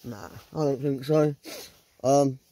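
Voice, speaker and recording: A middle-aged man with a southern English accent speaks bluntly and swears a good deal as he rambles through a casual vlog, shot on a handheld phone up close inside a small tent in the woods at night. He has a warm, mid-range voice with a steady tone and a slow pace.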